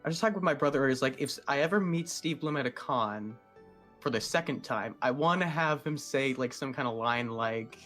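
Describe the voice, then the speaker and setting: A man's voice: medium pitch, a little fast, fairly bright tone, soft background music. Rambling man podcast co-host. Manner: rambling, filler-heavy. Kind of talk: casual podcast chat.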